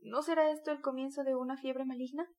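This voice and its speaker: A woman narrating voices an anguished young man, tense and shaken, muttering his fears to himself. The voice stays high and light through his dread. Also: level tone, quick pace, a little mellow, natural voice. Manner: trembling, anxious self-talk.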